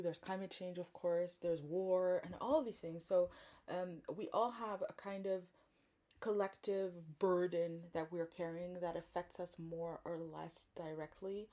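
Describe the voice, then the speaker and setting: Soft-spoken woman giving a tarot reading. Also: fairly low pitch. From Congo. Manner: gentle, thoughtful, pausing often with fillers. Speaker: tarot reader. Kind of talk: spiritual card reading.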